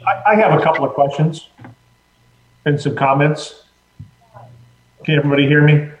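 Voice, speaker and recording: A man speaking formally in front of an audience at a board meeting, deliberate and challenging, as a trustee questioning a colleague. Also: on the high side. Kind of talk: formal remarks at a public meeting. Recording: echoey room.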